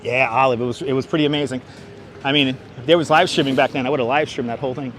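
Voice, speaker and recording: A man's voice: mid-range voice, steady tone, fast, a bit bright. A man with a thick Brooklyn accent chatting casually to viewers as he hosts a live walking tour outdoors in the city. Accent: thick Brooklyn, New York. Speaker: livestream walking tour host. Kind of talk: casual live-stream chat and street commentary. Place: outdoors on busy Manhattan streets, walking. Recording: clear city traffic noise outdoors. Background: street ambience and vehicles.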